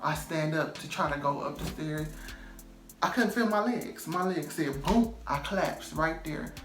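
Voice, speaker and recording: Speaking at a measured pace in a slightly high voice, this storytime vlogger shares a personal tale in a relaxed, talkative way. He leans heavily on "um" and "like" fillers and repeats phrases to stress points, while a roomy echo and soft music sit behind him.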